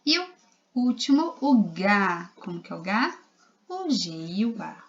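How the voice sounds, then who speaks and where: A woman's voice: a little high, very animated, measured pace, darkish tone, lo-fi sound. A woman primary school teacher with a Brazilian Portuguese accent, giving a recorded literacy lesson to young children, spelling out letters and syllables patiently.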